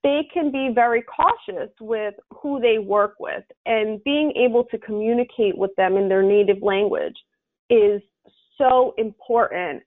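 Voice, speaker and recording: Over a thin, narrow phone line, a woman from the United States talks a little slowly in a slightly high voice. She's an estate planning and tax advisor giving an interview, earnestly explaining things with examples.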